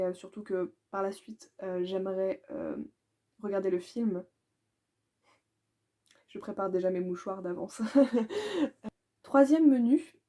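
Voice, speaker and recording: A French-accented woman talks casually about her reading pile in a vlog. Her voice is very dark and mellow, at an average pitch. She hesitates often, fills gaps with little sounds and laughs at herself. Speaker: booktuber.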